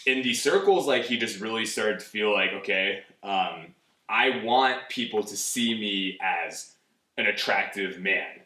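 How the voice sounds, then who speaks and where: Deep-voiced young man talking candidly. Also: a little slow, sharp tone, recorded from a distance. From California, USA. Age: 20s. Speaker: guest. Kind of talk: casual interview. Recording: roomy, from off the mic.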